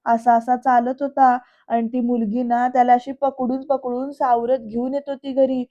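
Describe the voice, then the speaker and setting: A woman's voice: a little high, flat delivery, normal speed, mellow, natural voice. A woman voicing an eager, gossiping young niece who insists on her story, on a slightly dull recording.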